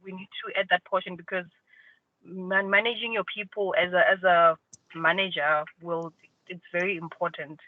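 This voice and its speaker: A man calling in to a work meeting over a phone line while driving, thinking aloud with pauses and restarts. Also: sits high, level tone, no room sound. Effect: phone call from a moving car on speakerphone. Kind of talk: casual work meeting discussion. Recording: tinny dry phone line.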